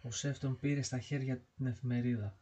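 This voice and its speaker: A man narrating a ghost story from a book, reading in a steady, measured way. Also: medium pitch. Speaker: audiobook narrator.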